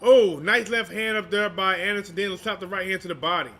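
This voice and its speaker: A man's voice: high-pitched, fairly quick, bright, forceful tone. A man doing live boxing commentary as a streamer, in slangy, informal talk aimed at his viewers. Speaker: boxing livestream commentator and channel host.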